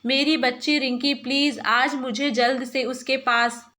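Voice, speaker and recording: Woman doing a panicked young mother in a storybook, quick and breathless, high bright voice. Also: level tone. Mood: frantic. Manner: breathless, pleading. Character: frantic young mother pleading for her daughter.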